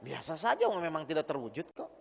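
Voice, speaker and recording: A man's voice: on the high side, wildly swooping pitch, brisk, gravelly, husky. A male preacher giving an interactive religious talk to a gathering of women, teasing them and asking them questions over and over. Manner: teasing, keeps questioning the audience. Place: gathering hall with an audience of women. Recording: long hall reverb.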